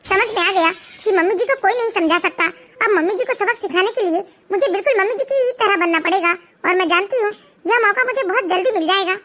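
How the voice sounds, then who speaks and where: Woman doing a firm, composed cartoon young wife, high and bright, quietly defiant. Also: fast talker. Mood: determined. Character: young daughter-in-law, calm but defiant. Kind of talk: animated storytelling voice acting.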